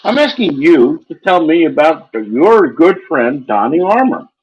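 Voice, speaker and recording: A man's voice: a little high, very animated, unhurried, dull audio, slight background noise. A man calling in from home while doing dishes, needling the host with pushy, provocative questions.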